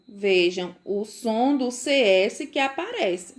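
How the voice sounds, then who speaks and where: A woman from Brazil who teaches young children, giving a recorded phonics lesson, sounding out words slowly and checking often that the children follow. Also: on the high side, expressive. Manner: slow, careful pronunciation with frequent checks for understanding. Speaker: primary school teacher.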